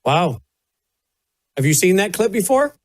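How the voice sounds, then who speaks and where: A man hosting a talk show, halting and restarting sentences as he questions a guest. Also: sits high, big pitch swings, soft background music. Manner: halting, restarts mid-sentence, addresses viewers as folks. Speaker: show host.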